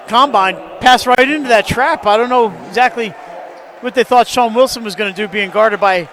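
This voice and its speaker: High-voiced man calling basketball play-by-play. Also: fairly bright tone. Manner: quick, jokey calls that rise on big plays. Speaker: play-by-play announcer. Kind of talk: live basketball play-by-play commentary.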